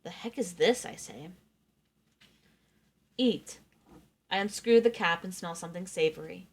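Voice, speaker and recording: A woman's voice: on the low side, brisk, slightly rough. A woman reading a novel aloud in first person, expressively acting out the narrator's thoughts.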